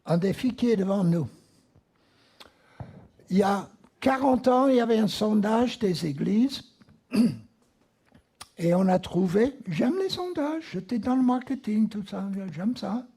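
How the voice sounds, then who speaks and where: Slow, emphatic preacher with an American accent. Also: male voice, high-pitched, expressive, mellow, husky. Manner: slow, emphatic, repeats key words. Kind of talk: sermon. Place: church.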